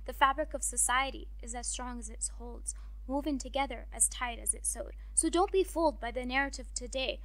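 A woman performing a spoken word poem in a rhythmic, rhyming delivery, dropping at times to a soft whisper. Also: high-pitched, brisk, dry recording, low-quality recording.

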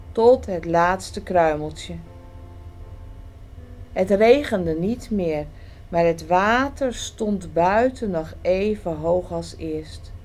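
A woman reading a children's picture book aloud, gentle and expressive. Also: fairly low pitch, slight background noise. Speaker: storyteller.

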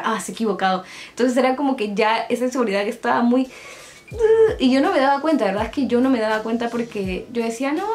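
A young woman with a Peruvian accent talking casually to her viewers from her bedroom in a confiding vlog, joking in asides while she paints her nails. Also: mid-range voice. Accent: Peruvian Spanish. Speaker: vlogger.

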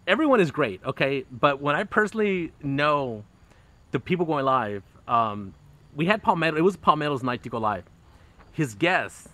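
A middle-aged man talks to his live stream viewers from outdoors, his phone held close. He chats loosely with lots of ums and restarts and breaks into laughter now and then. His voice sits at an ordinary middle pitch for a man. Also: a bit bright. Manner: chatty, frequent fillers and restarts, bursts of laughter. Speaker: fishing channel host. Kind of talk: casual live stream chat. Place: outdoors in a backyard under a canopy. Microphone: phone camera close up.

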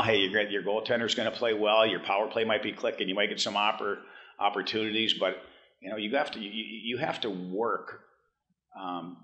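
A head hockey coach in his fifties giving a postgame press conference, talking in halting bursts with many restarts, blunt and frank. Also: fairly low pitch, bright, forceful tone. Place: press room in front of a team backdrop.

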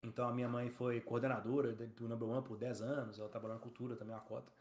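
A man, a company founder as a podcast guest, telling stories in an animated, slangy way. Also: medium pitch. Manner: fast, animated storytelling with slang. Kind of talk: casual interview chat.

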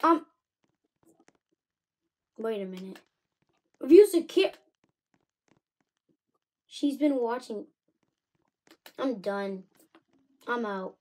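A young woman giving casual game commentary, excitable and jumpy, swinging from nervous mumbles to loud surprised outbursts. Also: fairly high pitch, very slow, pauses often, low-quality recording. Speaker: gaming channel host.

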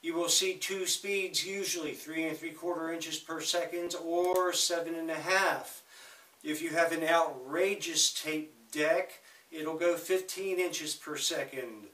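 A man chats to viewers from a room full of audio gear, rambling with joking asides. His voice sits high and sounds bright, and he talks at an unhurried pace. The mic picks him up from a distance, so the room echo comes through. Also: steady tone. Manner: chatty, joking asides, slow with sudden quick bursts. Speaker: vlogger talking about records and audio gear. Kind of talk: casual rambling talk to camera. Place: home room with audio equipment.

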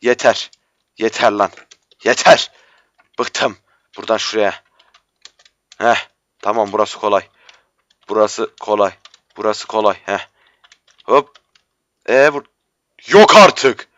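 A man giving frustrated live commentary while playing a game, swearing and breaking into shouts, his voice going hoarse. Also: on the low side, slow, pauses often, no room sound, muffled recording. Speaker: gamer.

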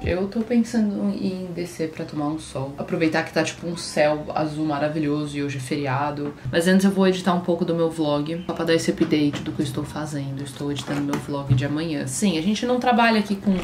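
Speaking fairly quickly with few pauses, this vlogger keeps her voice low as music plays in the background. She's in her mid-twenties, has a São Paulo Brazilian accent, and informally chats to camera from small rooms indoors at home, slangy and poking fun at herself.

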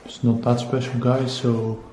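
A man's voice: medium pitch, level tone, a little slow, mellow, a little hiss or hum, rough recording. A man in his twenties talking casually and exclaiming in slang to viewers while exploring an abandoned house at night on a handheld camera. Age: 20s. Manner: exclamatory slangy talk, often addressing viewers. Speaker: urban exploration vlogger. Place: empty rooms and basement of an abandoned house. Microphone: handheld camera at arm's length.

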